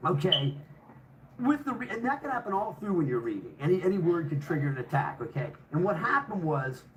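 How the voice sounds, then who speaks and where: A man's voice: high-pitched, big pitch swings, a little fast, a bit bright, a little hiss or hum, rough recording. An older man telling a personal story in a casual, rambling way, swearing heavily and restarting sentences.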